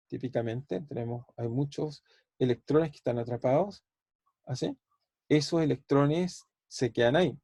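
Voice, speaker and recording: In this online university lecture, a physics professor with a Chilean Spanish accent reasons aloud, repeats words, and directs questions at his students over video. His medium-pitched voice is mellow with vocal fry, and there's no echo.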